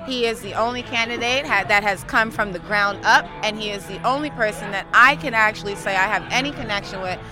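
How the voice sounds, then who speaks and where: A woman's voice: medium pitch, brisk, few pauses, over music. A young woman from Queens giving her views in an emphatic, frustrated way during a street interview. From Queens, New York. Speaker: voter. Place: outdoors on a city street.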